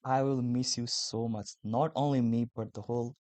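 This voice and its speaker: A man's voice: medium pitch, steady tone, normal speed, darkish tone, dry recording. A man from Nepal, hosting a casual interview podcast in a friendly, complimentary way. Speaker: podcast host.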